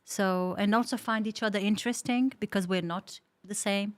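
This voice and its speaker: A woman's voice: medium pitch, fairly even intonation, moderate pace, clean tone. Romanian woman, friendly podcast co-host. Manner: agreeable, laughs often, supportive. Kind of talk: casual podcast chat.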